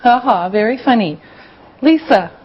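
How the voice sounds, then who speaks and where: Playing an encouraging English teacher, a woman gives carefully pronounced instructions and dictation in a scripted lesson. Her voice leans high and animated, unhurried, with a breathy edge, conveying patience and instruction. Audio quality is lo-fi and a little dull.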